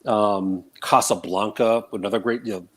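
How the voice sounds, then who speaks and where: A man's voice: on the low side, steady tone, moderate pace. A man calling in on his cell phone for a casual chat, his voice carrying a slight echo. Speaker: call-in guest.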